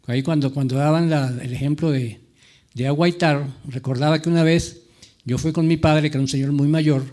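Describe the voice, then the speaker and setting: Mellow, higher-voiced man, halting and digressive. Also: steady tone. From rural mountain highlands of Latin America. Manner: halting, repeats words, digressive. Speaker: novelist on a panel. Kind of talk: rambling personal reminiscence.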